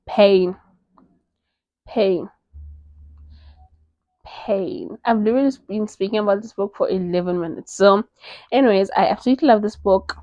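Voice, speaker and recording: A woman from South Africa gushes about her favorite romance books in a loose, chatty vlog, full of "like" and "you know." Her voice sits close and dry against the mic, and the sound is a little dull and lo-fi. She sits in a mid-range pitch for a woman. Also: quick pace, dry recording. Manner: gushing, animated, lots of fillers. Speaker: book reviewer. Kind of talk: casual book recommendation vlog.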